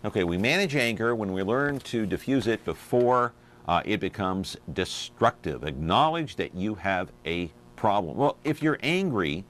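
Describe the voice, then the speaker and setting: A man hosting a local talk show, speaking in a low voice whose pitch rises and falls a lot. He talks casually and hesitantly, with fillers, and keeps asking his guest questions. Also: a bit bright. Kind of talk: casual studio chat.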